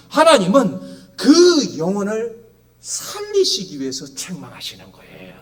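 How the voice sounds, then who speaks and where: A man's voice: high voice, a bit bright. A male pastor preaching a sermon emphatically, reading scripture and explaining it with vivid acted asides. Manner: emphatic preaching, acts out voices in quotes.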